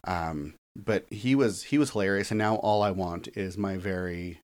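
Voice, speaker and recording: A man with a fairly low voice hosts a podcast in loose, casual chat. He swears freely and laughs easily as he talks through a movie. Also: moderate pace, a little mellow. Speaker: podcast host.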